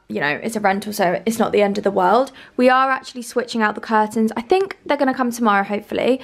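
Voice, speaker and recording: A young woman chatting casually in her flat for a vlog, enthusing about her rooms with lots of ums and likes. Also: medium pitch. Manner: gushing, filler-heavy, enthusiastic. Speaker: home vlogger. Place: bedroom and kitchen of a rented flat, indoors.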